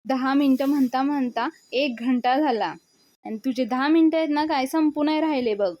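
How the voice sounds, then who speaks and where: A woman voicing a sharp-tongued middle-aged mother who taunts and scolds. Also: high voice, normal speed, close to an everyday voice. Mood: taunting.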